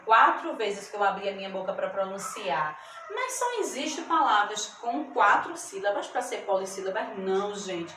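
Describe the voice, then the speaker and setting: A woman's voice: medium pitch, sing-song. A woman teacher giving a lesson to children, stretching out words syllable by syllable and often checking that they follow. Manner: slow, drawn-out syllables, checks in with "tá bom?". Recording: echoey room, mic at a distance, background noise.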